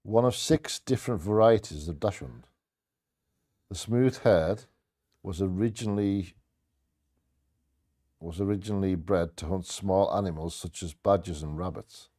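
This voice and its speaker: Low, mellow man co-hosting bingo. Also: unhurried, long pauses. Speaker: co-host of a bingo game. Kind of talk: reading short fact blurbs with casual asides.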